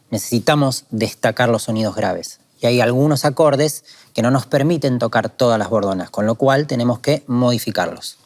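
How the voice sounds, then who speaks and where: A calm, methodical man from Argentina, explaining guitar strumming technique in a lesson. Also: medium pitch. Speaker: guitar teacher. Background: guitar playing.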